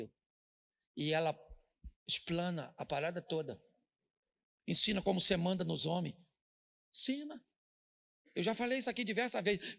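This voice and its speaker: A man's voice: high-pitched, creaky, fairly bright tone. A male pastor with a Brazilian accent preaching a humorous sermon, telling jokey stories and tossing rhetorical questions at the audience.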